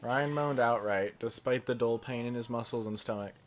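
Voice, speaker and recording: A man reading a story aloud deadpan while gaming, with offhand asides. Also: medium pitch, moderate pace. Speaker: fan fiction reader.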